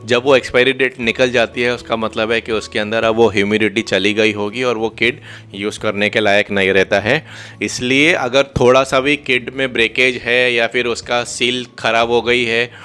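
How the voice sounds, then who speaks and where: A man's voice: lowish voice, sharp tone, clean tone. Man gynecologist asking technical questions. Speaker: gynecologist co-host. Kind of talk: medical explainer conversation.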